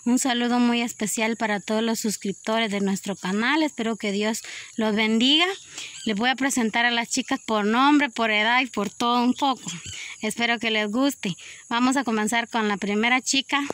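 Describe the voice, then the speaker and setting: A woman's voice: a little high, steady tone, moderate pace, fairly bright tone. A woman hosting a casual video interview from behind a phone camera on a rural dirt road, chatty and upbeat, full of praise for her guests.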